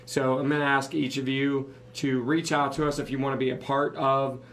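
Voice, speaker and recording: Hoarse upbeat man co-hosting a podcast. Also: mid-range voice, level tone, moderate pace, fairly bright tone, slight background noise. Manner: upbeat, joking, running the agenda. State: losing his voice. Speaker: podcast co-host. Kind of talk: live business podcast chat.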